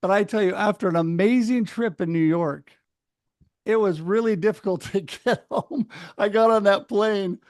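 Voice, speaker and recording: A middle-aged man from Oregon, telling a personal story in a casual, animated way on a video call and acting out what other people said. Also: sits high, normal speed, no room sound, studio quality. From Oregon, United States. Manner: animated, acts out other people's words, laughs often. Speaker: speaker sharing his story.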